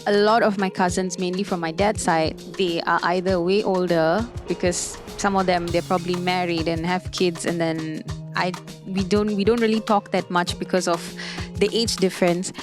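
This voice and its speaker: A woman's voice: on the low side, fairly even intonation, moderate pace, over music. Chatty young woman. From Malaysia. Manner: chatty, frequent filler "like", restarts. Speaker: panel guest. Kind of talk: casual panel discussion.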